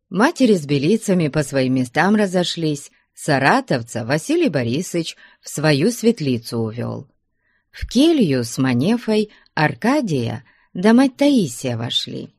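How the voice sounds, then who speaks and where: A woman narrating a classic novel in an expressive storytelling manner. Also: deep voice, measured pace, slightly rough, no room sound, clean studio sound. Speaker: audiobook narrator. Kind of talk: literary audiobook narration.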